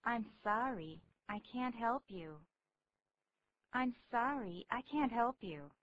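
A woman reads model English dialogues on a radio lesson. She speaks very slowly and clearly, at a medium pitch. The recording is dull, with a faint hum behind her. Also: animated, fairly bright tone. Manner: clear, careful reading of example lines. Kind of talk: slow model dialogue reading.

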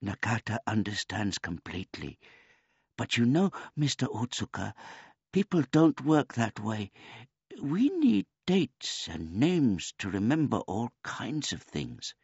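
A man's voice: fairly low pitch, big pitch swings, takes it slowly, a little mellow, husky, no room sound, dull audio, voice pushed up, exaggerated voice. Man doing a meek, simple old man. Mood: earnest. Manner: talks of himself in the third person, meek and courteous.

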